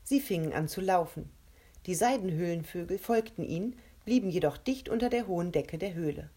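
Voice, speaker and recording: A woman narrating an adventure story aloud in a steady, measured way. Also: lowish voice, breathy edge.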